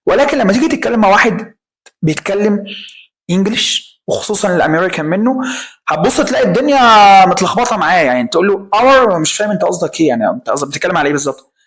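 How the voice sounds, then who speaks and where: A man with an Egyptian Arabic accent teaching an English grammar lesson, emphatic, asking rhetorical questions and slowly drawing out example words. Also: high voice, expressive, fairly bright tone, rough recording.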